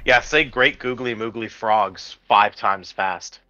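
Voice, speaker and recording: A man's voice: lowish voice, slow pace, dull audio, loud music behind the voice. A man casting an amateur video game match with playful, rambling play-by-play commentary full of ums. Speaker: esports caster.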